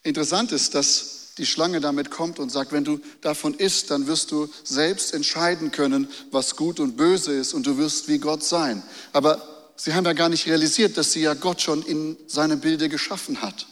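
Fairly high-voiced preacher man, long hall reverb. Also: fairly even intonation, moderate pace, a bit bright. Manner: repeats key phrases, asks rhetorical questions to the listeners. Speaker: pastor. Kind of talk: sermon with Bible reading.

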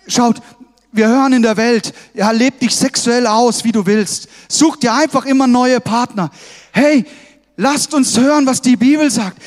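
A man delivers a sermon in a strikingly high voice, pressing his points with emphatic calls to the congregation. His words ring out with a long reverb from a large hall. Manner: emphatic, exhorting, with frequent "hey" calls to the congregation. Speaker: pastor.

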